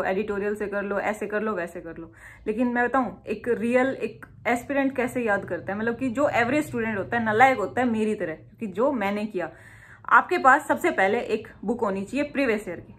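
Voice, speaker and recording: A woman's voice: medium pitch, fairly quick, a bit bright. A young woman gives casual, self-mocking exam study tips, full of homely memory tricks. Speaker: exam prep tutor.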